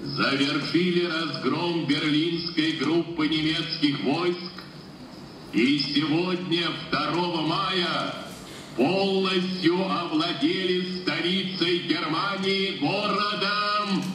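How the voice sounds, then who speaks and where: Booming solemn state announcer acted by a man, echoing. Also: steady tone, slow, bright, forceful tone. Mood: solemn, triumphant. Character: solemn wartime Soviet state radio announcer reading victory bulletin. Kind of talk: 1940s radio announcement. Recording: echoey hall, distant, slight noise.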